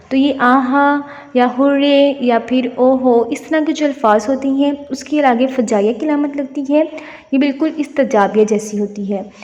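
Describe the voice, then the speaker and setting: A woman's voice: sits high, a little mellow, long reverb tail, highs cut off. A young woman who hosts a channel, explaining a writing lesson step by step with examples. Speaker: teacher and channel host.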